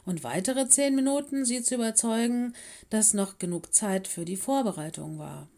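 A woman reading a children's book aloud in an unhurried, calm narration. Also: on the high side, vocal fry. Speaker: audiobook reader. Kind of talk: scripted narration.

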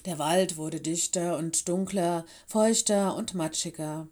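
Woman slowly reading a children's story. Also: lowish voice, fairly even intonation, warm tone. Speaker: narrator.

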